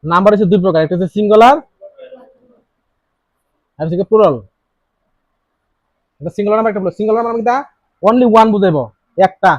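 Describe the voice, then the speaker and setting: Male tutor, high pitch, keeps firing questions at the class, dry room. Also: fast talker, long pauses, no room sound. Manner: asks students many rhetorical questions; repeats key words. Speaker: teacher. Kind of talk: classroom grammar lesson. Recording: dry, slightly dull lo-fi sound.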